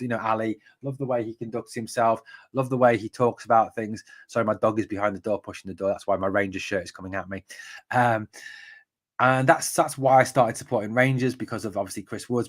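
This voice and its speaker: An English man in his forties from the northeast, hosting a live football podcast from home in a chatty, rambling way full of fillers and tangents. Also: mid-range voice. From northeast England. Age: 40s. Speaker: podcast host. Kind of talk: live-stream football chat. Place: room at home.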